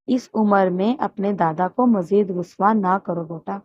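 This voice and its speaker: A woman's voice: medium pitch, close to an everyday voice. A woman voicing a stern, loving old grandfather who heads the family, with a commanding manner in a dull, muffled recording. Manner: commanding, scolding, then tender.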